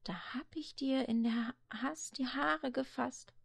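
A woman voicing a kindly old grandmother in a read-aloud fairy tale, speaking slowly and softly, sometimes in a whisper. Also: sits high, creaky, pitched above the performer's own voice. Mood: soothing. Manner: hushed, slow and soothing, at times whispered. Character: soft-spoken old grandmother, kindly and soothing.

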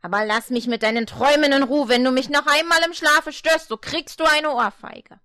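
A short-tempered storybook devil played by a woman reading aloud, loud and snappish. His voice sits high and climbs even higher when he gets angry. It is close and dry, with no room sound. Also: unhurried, dry recording, heavily acted. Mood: gruff.

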